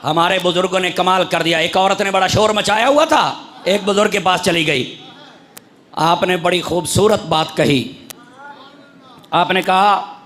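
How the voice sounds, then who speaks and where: A man with a Punjabi accent preaching a fiery sermon, shouting his points with emphasis. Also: sits high, long pauses. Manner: shouting, emphatic, mixes in folk sayings.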